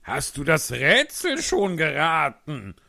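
A man's voice: a little high, wildly swooping pitch, slow, vocal fry, pushed and bright, full character voice. A man playing a grumpy, fussy male Hatter in an audiobook reading, curt and scornful. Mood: grumbling.

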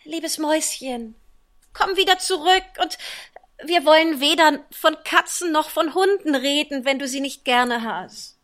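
A woman reading the part of Alice, an eager and polite young girl, with a lively, gushing delivery. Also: high-pitched, a little slow, pitched above the performer's own voice, full character voice. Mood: coaxing.

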